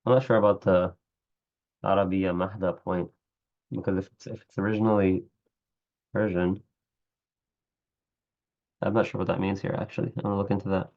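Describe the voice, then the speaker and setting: A man with a fairly low voice reads a classical text to his class. He pauses often to explain in English and fixes his own stumbles. The recording sounds slightly dull and lo-fi. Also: little pitch movement. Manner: reads Arabic and comments in English, correcting his own slips. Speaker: teacher reading a classical Arabic text. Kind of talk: reading aloud and explaining in a class.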